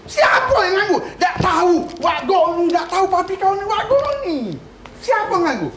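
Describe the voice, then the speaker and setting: A young woman with a Palembang accent playing a loud, scolding parent searching for their children in a comedy sketch. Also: very high voice, big pitch swings, moderate pace, roomy sound. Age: young adult. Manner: shouty, scolding, laughing. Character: loud fussy parent looking for their kids. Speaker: student actor in a TV comedy sketch. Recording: stage with loud audience noise.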